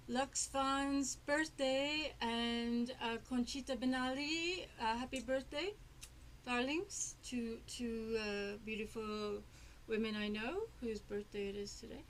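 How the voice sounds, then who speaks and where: A woman's voice: high-pitched, fairly bright tone, slight background noise. A woman hosting a casual interview on a local TV show, rambling with many fillers and restarts. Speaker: TV talk show host. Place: public access TV studio.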